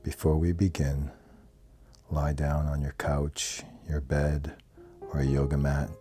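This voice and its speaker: A man with a very deep voice leads a yoga nidra meditation, soothing and measured. He speaks slowly, without hurry and with little change in pitch, like a calm relaxation instructor. Soft plucked guitar music plays behind him.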